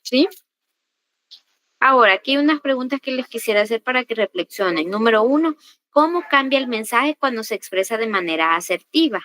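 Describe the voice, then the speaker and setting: A woman's voice: fairly high pitch, expressive, a little fast, a bit bright, no room sound. A woman giving a class lecture, often checking whether the students follow and acting out quoted examples. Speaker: teacher. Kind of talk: class lecture on assertive communication.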